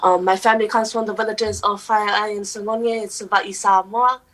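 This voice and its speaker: Earnest young New woman, flat delivery. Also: mid-range voice, poor audio. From New Zealand. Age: young adult. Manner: earnest and steady, with frequent "um" pauses. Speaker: guest, poet and youth advocate. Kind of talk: radio interview answers.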